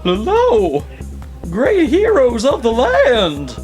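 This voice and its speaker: A man voicing a haughty, imperious archangel that speaks in a booming, grandly formal way, with music playing behind. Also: wildly swooping pitch, a little slow, exaggerated voice. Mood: lofty.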